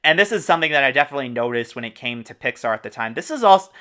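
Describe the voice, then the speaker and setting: A man's voice: mid-range voice, lively intonation, bright, forceful tone. A man hosting a casual movie discussion, enthusiastic and informative, sharing trivia about the cast. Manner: enthusiastic, informative, quick asides with laughs. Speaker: podcast host.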